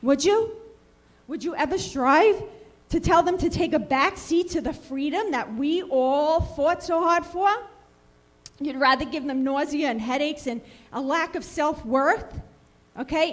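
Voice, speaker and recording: A woman's voice: sits high, a little slow. A woman in her forties, a parent giving impassioned public comment at a school board meeting, confrontational and scolding, firing off rhetorical questions into a podium microphone.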